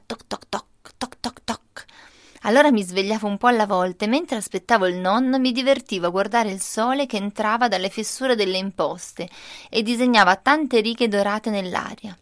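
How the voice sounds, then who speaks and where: Woman storyteller, expressive children's reading, dry close mic. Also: medium pitch, dry recording. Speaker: narrator.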